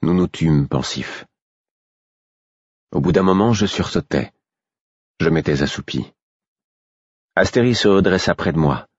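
Very deep, husky male audiobook narrator. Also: animated, measured pace, long pauses, no echo, dull audio. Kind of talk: first-person audiobook narration.

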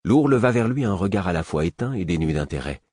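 A man narrates a first-person fantasy novel in a very low, husky voice. His delivery is measured and even. The close, dry recording has no room sound. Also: no room sound. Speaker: audiobook narrator.

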